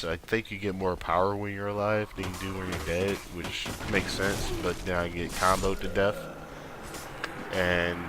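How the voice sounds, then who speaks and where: Casual male gameplay commentator, low register, slightly sniffly, rambling and offhand delivery, noticeable background noise. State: sniffly with a mild cold, occasional coughing. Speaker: gaming video commentator. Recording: clearly noisy voice-over recording.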